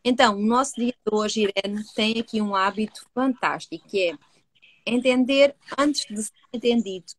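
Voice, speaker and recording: A woman with a European Portuguese accent, a hypnotherapist co-hosting a live discussion, earnest and measured, who asks rhetorical questions and then answers them. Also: a little high. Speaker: co-host, hypnotherapist. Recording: dry close sound.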